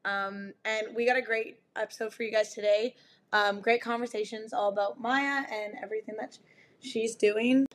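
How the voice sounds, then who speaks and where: Female interview host, slightly high pitch, voice shot and raspy like a heavy smoker, informal. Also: fairly even intonation, normal speed. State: hoarse from screaming at a game. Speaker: podcast host. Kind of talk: casual interview.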